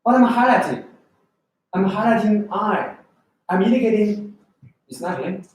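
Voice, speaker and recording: A man from China teaches an English test class, his Chinese accent carrying through a lively classroom lecture full of questions and frequent check-ins with students. His voice sits high at a moderate pace, heard from far away in an echoey room.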